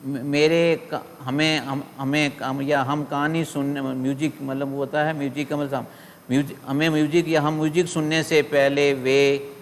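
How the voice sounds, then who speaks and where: A male school teacher giving a grammar lesson, dictating example sentences slowly and explaining them quickly. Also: fairly high pitch, little pitch movement. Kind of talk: classroom grammar lesson, mixing Hindi and English. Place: classroom. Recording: roomy long reverb with faint ambient noise.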